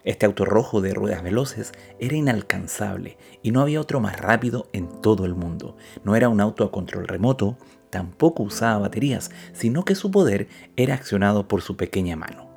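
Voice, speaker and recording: A man narrating a moral story and reflection in a measured, scripted way, with emphatic swells. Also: lowish voice, expressive, gravelly, a little mellow, soft background music.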